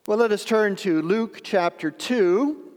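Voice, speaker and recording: Slow, solemn male preacher in a reverberant hall. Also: high voice. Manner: slow, measured, solemn delivery with deliberate pauses. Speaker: preacher leading a church service. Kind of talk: sermon with prayer and scripture reading.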